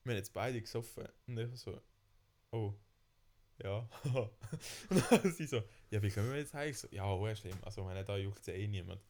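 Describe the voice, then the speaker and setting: A young man with a Swiss German accent telling a funny travel story in casual chat, lively and laughing often. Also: on the low side, normal speed. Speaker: podcast co-host.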